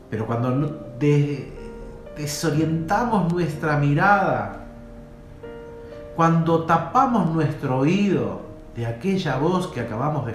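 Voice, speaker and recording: Man, emphatic sermon, animated pitch, roomy church echo. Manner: preacher's swells and drops, emphatic. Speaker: preacher. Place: church hall. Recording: echoey hall with faint guitar.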